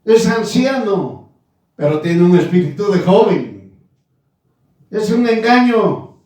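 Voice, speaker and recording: A man in his nineties preaching a sermon, slow and emphatic, repeating his phrases. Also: sits high, animated, darkish tone. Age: 90s. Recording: echoey room from far off.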